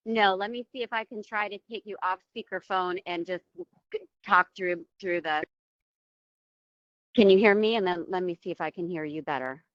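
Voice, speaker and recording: A woman's voice: on the low side, moderate pace, a bit bright, no room sound. A woman heard over a phone speaker, calling in from an airport, answering interview questions hesitantly with many ums. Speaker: library board candidate. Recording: muffled lo-fi call audio.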